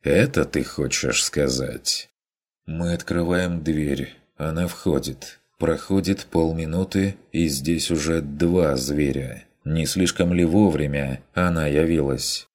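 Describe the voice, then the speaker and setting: A man voicing a wary male hunter who speaks slowly and suspiciously. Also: very deep voice, darkish tone, heavily acted. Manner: slow, suspicious.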